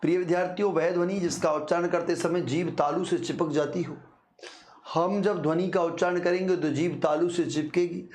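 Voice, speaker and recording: A male teacher giving an exam-prep grammar lesson, explaining slowly, repeating key words and sounding out syllables for his students. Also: sits high, steady tone, a little mellow. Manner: addresses students repeatedly, slow deliberate explanation with repetitions; sounds out syllables to demonstrate pronunciation.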